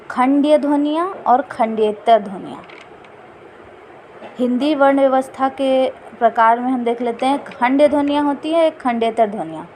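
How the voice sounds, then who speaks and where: A woman teaching an exam-prep lesson, repeating each definition slowly. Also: sits high, a little mellow, a little hiss or hum.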